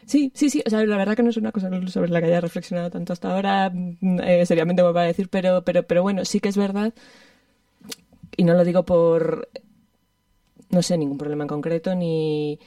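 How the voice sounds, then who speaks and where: A woman with a low, mellow voice speaks hesitantly, hunting for words and restarting her sentences. She comes across as a casual conversation partner, recorded from a little way off the microphone. The sound is dry. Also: fairly even intonation, fairly quick, no room sound. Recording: voice from a distance off the mic.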